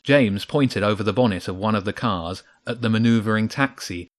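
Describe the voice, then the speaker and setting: A man narrating a children's storybook in a steady, measured read. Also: fairly low pitch.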